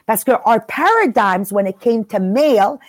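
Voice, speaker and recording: Woman host, fairly high voice, dry close sound, motivational talk that mixes in English. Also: big pitch swings, measured pace, dry recording. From Italy. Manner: mixes English phrases into French. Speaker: podcast host. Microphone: live video call.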